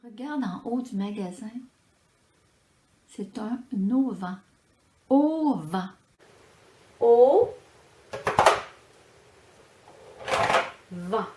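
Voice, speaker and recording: A woman with a Quebec French accent teaching preschool children to count syllables, drawing out each word in a slow, sing-song way. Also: medium pitch, expressive, mellow. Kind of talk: children's phonics lesson. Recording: echoey room with background noise.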